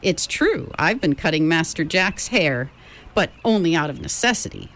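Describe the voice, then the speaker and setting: A woman's voice: sits low, sing-song, moderate pace, fairly bright tone, heavily acted. Woman doing a polite, proper butler. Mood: courteous. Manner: formal, courteous.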